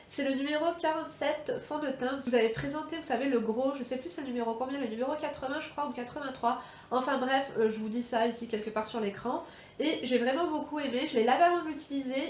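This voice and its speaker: A beauty vlogger with a high voice and a French accent talks casually through a makeup tutorial in a room at home, with noticeable reverb. She rambles, using many fillers and slangy asides.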